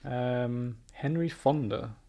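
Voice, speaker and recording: A man's voice: medium pitch, takes it slowly, a loud crowd. A man co-hosting a casual podcast chat, reading out a list and chatting with chuckles. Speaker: podcast co-host.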